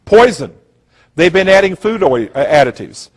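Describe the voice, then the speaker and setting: A man's voice: sits high, very animated, normal speed. A man giving an emphatic lecture, repeating himself for effect and acting out the voices in his anecdotes. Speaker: speaker giving a talk. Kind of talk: conspiracy lecture.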